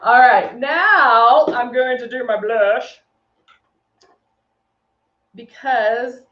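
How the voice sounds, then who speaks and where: This beauty brand presenter, a woman with a Texan accent, speaks extremely slowly in a slightly high voice while running a live makeup tutorial and answering viewer comments. Sound comes through as dull, lo-fi stream audio from an echoey room.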